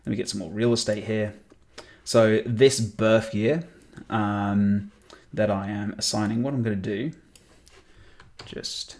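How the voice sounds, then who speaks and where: A man in his thirties teaching programming, thinking aloud with frequent ums and self-corrections as he types. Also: on the low side. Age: 30s. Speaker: programming tutor. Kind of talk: screen-recorded coding tutorial.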